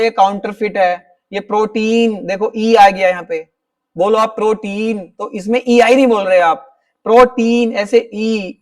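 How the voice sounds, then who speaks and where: Man, teacher, classroom lesson, high-pitched, step-by-step explanations, distant mic. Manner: explains slowly, often checks understanding with tag questions. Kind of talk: classroom-style spelling lesson.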